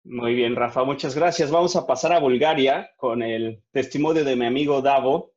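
Over a video call, a man with a Mexican Spanish accent hosts a casual podcast, friendly and full of questions. His mid-range voice is a little mellow and moves at a moderate pace. The recording has a slightly dull, lo-fi quality.

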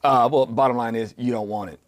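A man's voice: medium pitch, fairly even intonation, brisk. Joking man hosting a casual Bible study. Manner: jokey, laughs often, many fillers. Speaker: podcast host leading a Bible study.

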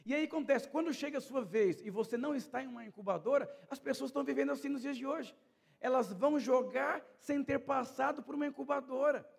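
High-voiced, gravelly pastor preaching. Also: male voice, fast talker, long reverb tail. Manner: conversational preaching with repeated phrases. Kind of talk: sermon.

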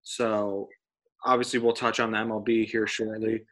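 A man's voice: lowish voice, little pitch movement, normal speed, fairly bright tone. A man hosting a casual sports podcast, steering topics and asking his co-hosts questions. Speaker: podcast host.

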